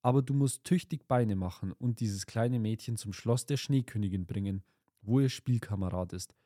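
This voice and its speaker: A man's voice: fairly low pitch, moderate pace, warm tone, no echo, clean studio sound, natural voice. A man voicing a brash, commanding little robber girl in a fairy-tale reading.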